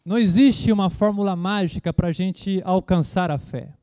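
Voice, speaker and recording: Man, high-pitched voice, preacher, sermon, rhetorical questions, frequent amens. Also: moderate pace, clean tone. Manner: acts out loud shouting prayers as a mock imitation. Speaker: pastor.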